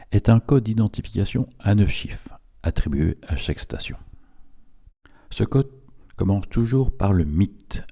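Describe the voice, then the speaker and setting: A man's voice: deep voice, gravelly, warm tone, husky. A man reading a scripted instructional narration in a didactic, step-by-step way, as an instructor would.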